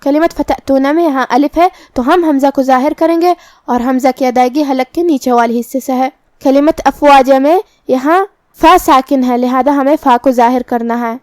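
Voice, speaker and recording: A woman's voice: high-pitched, a little mellow, no room sound. A woman teaching Quran recitation, explaining pronunciation rules one by one in a careful, methodical way. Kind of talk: tajweed lesson with slow recitation.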